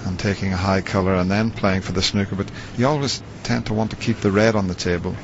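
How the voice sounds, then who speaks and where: A man giving measured, understated live commentary on a snooker match. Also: low voice, steady tone. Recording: dull, noisy TV broadcast audio.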